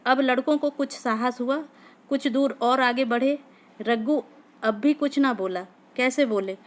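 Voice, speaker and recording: A woman reading a classic short story aloud in steady, measured narration. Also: sits high.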